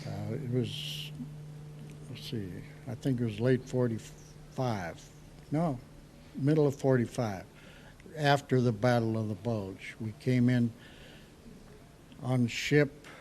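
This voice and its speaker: Slow-talking elderly American veteran, remembering. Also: male voice, medium pitch, darkish tone, slight background noise. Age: 80s. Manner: old veteran remembering, halting and reflective. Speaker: World War II veteran being interviewed. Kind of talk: recounting war memories in an interview.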